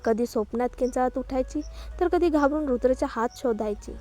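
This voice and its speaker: A woman's voice: sits high, brisk, warm tone. A woman storyteller reading a romantic drama story in a scripted narration style, voicing the characters herself, with the occasional slip and restart. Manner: voices all the characters herself with little change of voice; small slips and restarts.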